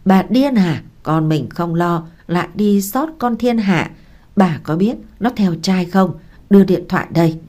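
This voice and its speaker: A woman's voice: mid-range voice, expressive, moderate pace, warm tone, natural voice. A woman voicing a violent young husband who snarls threats in harsh, menacing tones. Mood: angry.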